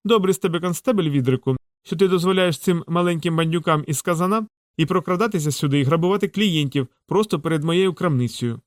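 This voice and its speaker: A man voicing a shrewd old woman shopkeeper who scolds loudly and dotes on the boys. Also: on the high side, quick pace, no room sound, studio quality, voice pushed up, close to an everyday voice. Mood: outraged. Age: older. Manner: scolding, loud and doting by turns.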